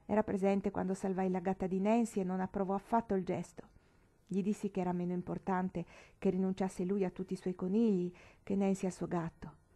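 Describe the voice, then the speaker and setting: A woman voicing a calm, kindly young male curate who speaks placidly and half in jest, in an audiobook reading. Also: mid-range voice, a little fast, close to an everyday voice.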